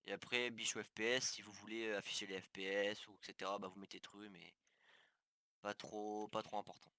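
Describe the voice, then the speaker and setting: A man's voice: on the low side, flat delivery, a little fast, bright, forceful tone, no room sound, studio quality. A man giving a casual game tutorial, walking viewers through settings step by step with many fillers and restarts. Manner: talks viewers through steps on screen. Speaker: gaming tutorial youtuber. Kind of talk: casual screen-recorded tutorial.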